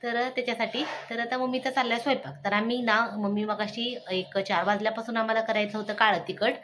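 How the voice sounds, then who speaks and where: A woman's voice: on the high side, steady tone, fast, background noise. Chatty woman vlogging outdoors in a village. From Maharashtra. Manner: chatty, talks straight to viewers and family. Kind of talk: casual vlog chat. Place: outdoors at a village home by a wood stove, evening.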